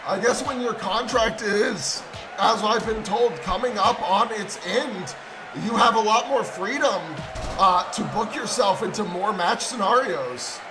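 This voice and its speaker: A man doing excited wrestling commentary who erupts into shouts at big moves. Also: sits high, unhurried, poor audio. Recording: over loud crowd and music. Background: crowd noise and music.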